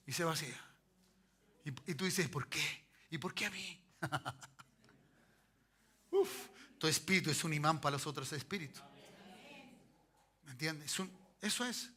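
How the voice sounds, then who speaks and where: A man's voice: on the high side, sharp tone. A man preaching a sermon as pastor, in Chilean Spanish, talking conversationally and asking the congregation to repeat after him. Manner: conversational preaching, frequent "¿me entiendes?" and call-and-response.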